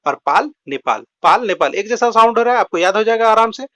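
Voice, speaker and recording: A man's voice: high voice, lively intonation, fast talker, a bit bright. A man teaching a general-knowledge lesson for exam prep, explaining with rhyming tricks and often saying "friends" and "okay". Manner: repeats filler words like "dosto" and "theek hai"; explains with rhymes and mnemonic tricks. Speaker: GK quiz teacher. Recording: dull lo-fi recording.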